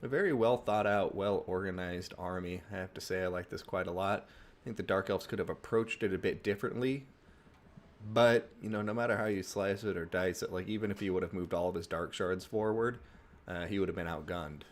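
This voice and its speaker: A man giving relaxed, chatty live commentary on a strategy game tournament from his streaming setup. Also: sits low, a little fast. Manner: relaxed, chatty play-by-play with asides. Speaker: tournament caster and stream host.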